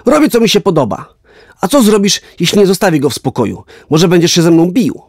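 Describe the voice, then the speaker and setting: A man voicing a big, boastful schoolboy bully in a children's story, shouting mocking taunts. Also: sits high, big pitch swings, fairly quick, no room sound, studio quality, voice pushed up, heavily acted.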